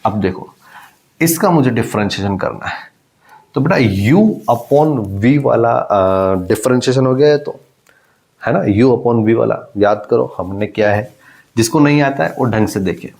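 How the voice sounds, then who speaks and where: A man with a medium-pitched, creaky, somewhat dark voice gives an animated but slightly slow physics lecture at the blackboard for exam prep. He works through a problem step by step, calls his students "child," mixes English math terms into his speech, and repeats key phrases for emphasis.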